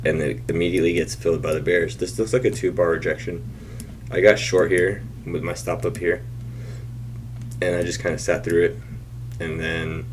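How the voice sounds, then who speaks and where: A man reviewing his trades over a chart, thinking aloud in a casual walkthrough with restarts and the odd throat clearing. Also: low-pitched, a little hiss or hum. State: has the hiccups.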